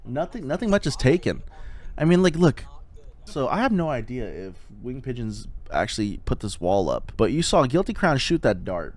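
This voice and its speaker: Lively young man breaking down esports play. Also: medium pitch. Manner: lively, conversational, swears casually. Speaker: esports analyst. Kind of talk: casual game analysis commentary.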